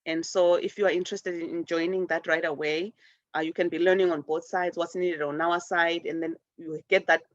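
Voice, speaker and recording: A woman leading a spiritual group call, speaking earnestly and haltingly with repeated words. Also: fairly low pitch, steady tone, no echo. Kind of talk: encouraging group talk. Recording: dull lo-fi call audio.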